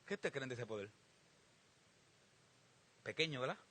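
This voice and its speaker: A pastor preaching a sermon, asking the congregation emphatic rhetorical questions. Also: male voice, mid-range voice, big pitch swings, normal speed, sharp tone, a little hiss or hum. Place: church sanctuary.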